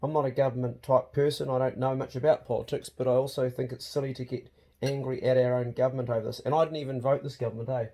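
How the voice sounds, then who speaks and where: A man's voice: medium pitch, level tone, fast talker, mellow. A man with a broad New Zealand accent chatting casually to his vlog viewers in a plain-spoken, colloquial way. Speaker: vlog host.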